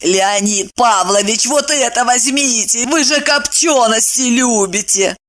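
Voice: medium pitch, unhurried, fairly bright tone, pitched above the performer's own voice, lightly acted. A reader voicing a fussy, eager housekeeper who flutters and gets flustered, in a raised voice. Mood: fussing.

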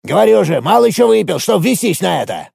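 A man narrating an audiobook and voicing a cheeky, boastful male dwarf who complains loudly. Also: very animated, quick pace, no room sound, clean studio sound, exaggerated voice. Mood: indignant. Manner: gravelly, squeaky and complaining. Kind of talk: audiobook character voice.

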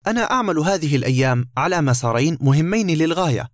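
A man's voice: on the high side, lively intonation, fast talker, no room sound, clean studio sound, lightly acted. A man voicing a pompous, pleading academic. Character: pompous male academic writer, frightened.

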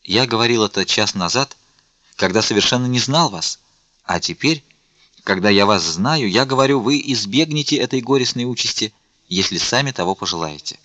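A man's voice: medium pitch, animated, moderate pace, sharp tone, no room sound. A man reading a young, courteous royal army officer in an audiobook, polite and formal.

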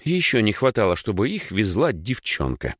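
A man's voice: on the low side, wildly swooping pitch, normal speed, fairly bright tone, no room sound, clean studio sound, pitched above the performer's own voice, full character voice. A man reading a storybook and voicing a curt, stubborn boy who bosses his little sister around. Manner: grumbling, curt.

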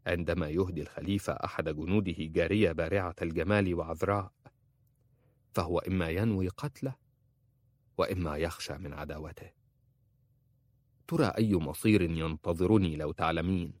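A man voicing a stern, ambitious emir who speaks slowly and firmly in a storybook reading. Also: low-pitched, darkish tone, dry recording, studio quality, natural voice. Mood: guarded.

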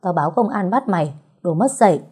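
A woman voicing a crude, abusive middle-aged male shop owner who shouts curses, in a storybook reading. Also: fairly low pitch, expressive, brisk, breathy edge. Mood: cursing.

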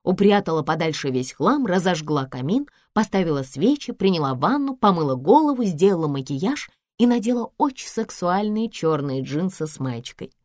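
A woman reads a first-person audiobook in a wry, conversational way. Her pitch moves in a lively, animated line, and the recording is dry and close. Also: moderate pace, few pauses, dry recording. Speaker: audiobook reader.

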